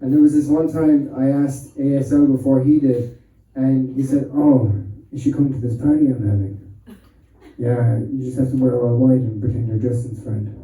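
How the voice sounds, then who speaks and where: A man's voice: medium pitch, fairly even intonation, moderate pace, dark tone. An Irish man working as MC, telling crude, laid-back jokes and introducing the next comedian. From Ireland. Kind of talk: stand-up comedy and introducing acts. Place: pub stage with live audience. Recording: echoey pub from a distant mic.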